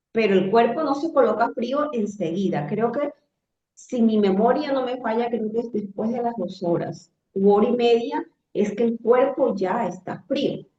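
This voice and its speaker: A woman's voice: on the high side, a little mellow, a little hiss or hum. Woman with Caribbean Spanish accent, roomy echo. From Caribbean coast of Latin America. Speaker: guest telling a personal testimony. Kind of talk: personal storytelling in conversation. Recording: roomy echo, slightly dull sound.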